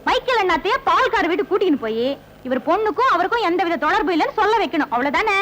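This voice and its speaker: A woman's voice: extremely high pitch, big pitch swings, fast, background noise. An actress playing a bold young village woman who speaks in a mocking, defiant way in a 1980s film drama. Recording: old film soundtrack with loud music.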